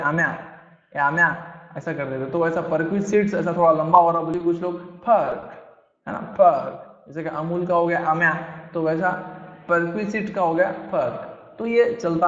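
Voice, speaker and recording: A man's voice: high voice, a bit bright. A man who teaches salary basics in a chatty way, using everyday examples. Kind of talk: explaining a salary lesson in casual speech. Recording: echoey room, dull lo-fi sound.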